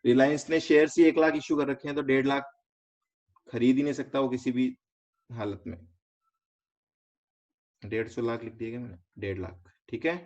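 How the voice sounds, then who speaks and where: A man with an Indian accent and a darkish, mid-range voice gives an online finance lecture with fairly even intonation. He goes step by step, asks students quick check questions, and mixes in English terms, recorded in slightly dull lo-fi.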